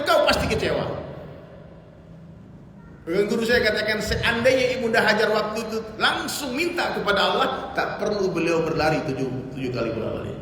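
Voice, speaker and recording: Bright sharp guy preaching, fires off rhetorical questions, faint hiss behind. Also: extremely high pitch. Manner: emphatic, with repeated rhetorical questions. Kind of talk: sermon. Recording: echoey hall, live sermon.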